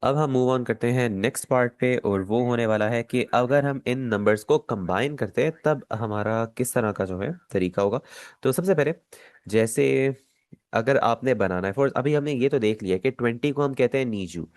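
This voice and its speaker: A man's voice: mid-range voice, moderate pace, darkish tone, dry recording. Patient man teaching step by step. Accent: Pakistani Urdu. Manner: patient, repeats and breaks things down step by step. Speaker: language teacher. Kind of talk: online language lesson.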